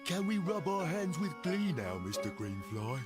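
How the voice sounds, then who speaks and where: An actor playing a dim, eager, childlike cartoon villain's sidekick who talks in a hesitant stammer. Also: male voice, a little high, very animated, normal speed, loud music behind the voice. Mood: gleeful. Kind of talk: animated cartoon voice acting.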